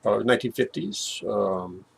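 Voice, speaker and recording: An older man telling a personal story in a halting way, with many fillers and restarts, his voice dropping low at grim moments. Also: animated, slight background noise. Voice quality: gravelly, husky voice.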